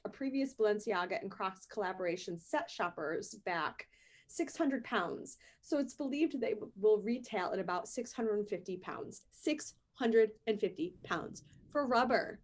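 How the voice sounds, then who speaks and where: A woman co-hosting a casual podcast, reading a news story aloud and ranting playfully. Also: fairly high pitch. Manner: playful, ranting, laughs often. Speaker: podcast co-host.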